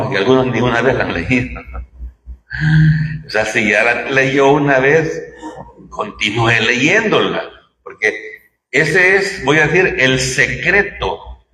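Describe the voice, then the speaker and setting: In an echoey church hall, a man with a medium-pitched, bright and forceful voice preaches a sermon, speaking conversationally and putting rhetorical questions to his listeners.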